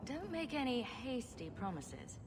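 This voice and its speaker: Game heroine: composed, protective older sister, measured delivery, reverberant sound over clear music. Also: female voice, fairly high pitch, very animated, darkish tone. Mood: reflective. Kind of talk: video game voice acting. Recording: long echoing reverb.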